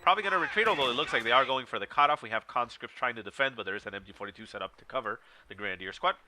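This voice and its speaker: A very fast, animated talker with a mid-range voice, this man sounds nasal and congested from a stuffy nose while casually explaining a strategy game match. The background is noisy, with video game battle sounds and music.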